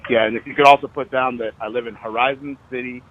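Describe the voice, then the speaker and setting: An American citizen activist talks as a caller in a recorded phone conversation, hesitant and wordy but pressing his point. His mid-range voice is fast with fairly even intonation, and the call audio is dull and lo-fi.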